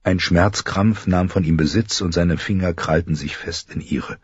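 A man narrating an audiobook in a calm, even storytelling manner. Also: sits low, normal speed, husky, no room sound, muffled recording.

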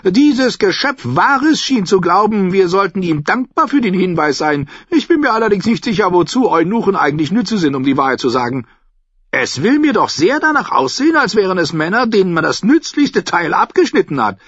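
A man's voice: high-pitched, very animated, normal speed, a bit bright, slightly rough, no echo, pitched above the performer's own voice, exaggerated voice. Man playing a tart, mocking old noblewoman. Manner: cutting, scornful, chatty. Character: sharp-tongued old noblewoman, blunt and mocking. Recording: dull, dry audiobook recording.

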